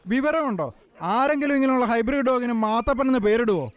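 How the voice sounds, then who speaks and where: Fussy lecturing vet, very high-pitched, film comedy. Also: male voice, a little fast, clean tone. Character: fussy comic male dog doctor, pompous. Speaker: veterinary doctor. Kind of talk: Malayalam film dubbing. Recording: film soundtrack.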